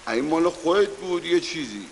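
A man's voice: on the high side, animated, creaky, in a large hall, slight background noise. An actor playing a stubborn, blunt man who refuses to take anything in trust. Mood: dismissive. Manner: blunt, dismissive.

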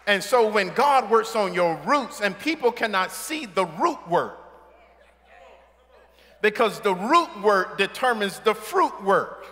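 A middle-aged male pastor preaching a sermon from a church stage, calling for amens and building to shouts. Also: sits high, sing-song, slow. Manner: call-and-response preaching, rising to shouts. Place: large church sanctuary stage. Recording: long church hall reverb.

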